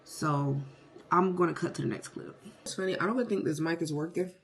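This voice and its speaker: A sassy beauty vlogger with a mid-pitched voice talks casually through a hair routine. The delivery is playful and full of self-hyping slang. The home recording carries noticeable noise and small clicks. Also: a little fast, gravelly, a bit bright. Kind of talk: casual hair tutorial chat. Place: indoors at home.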